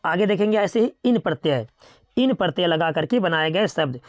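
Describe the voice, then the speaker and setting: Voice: medium pitch, moderate pace, dry recording. Methodical teacher reciting word pairs. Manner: steady, methodical listing with repeated reminders to remember. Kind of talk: grammar lesson, reading out word pairs.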